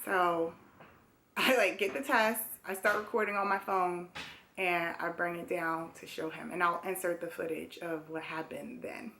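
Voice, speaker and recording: A woman's voice: on the low side, steady tone, a little slow, creaky, background noise. A young woman vlogger casually telling a personal story to camera, chatty, with many fillers and small laughs.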